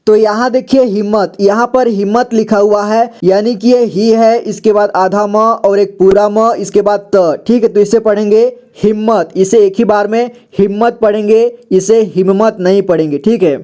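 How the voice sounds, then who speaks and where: A man teaching Hindi reading, who reads a story slowly and spells words out letter by letter. He talks patiently and repeats each word to check it. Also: sits high, fairly even intonation, warm tone. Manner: patient, repeats words and says "ठीक है" often; reads story lines slowly, then breaks them into letters.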